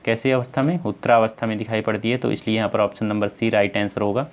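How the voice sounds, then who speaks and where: A man's voice: on the low side, steady tone, fast. A man with a North Indian Hindi accent teaching an exam-prep lesson, explaining step by step and answering his own questions. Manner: addresses viewers as friends, many fillers.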